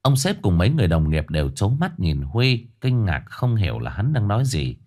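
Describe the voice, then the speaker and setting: A man narrating a ghost story in an expressive, suspenseful reading. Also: fairly low pitch, brisk.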